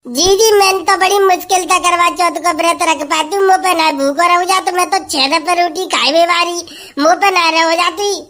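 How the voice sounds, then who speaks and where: A woman playing a wife who is fasting and scolds her drunk husband. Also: very high voice, steady tone, pushed and bright. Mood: grumbling. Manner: complaining, scolding. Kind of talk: comedy sketch acting.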